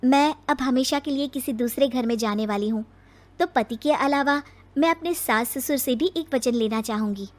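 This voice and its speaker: A woman's voice: high voice, moderate pace, lightly acted. A woman voicing an educated, assertive young bride-to-be in a cartoon story. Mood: firm, polite.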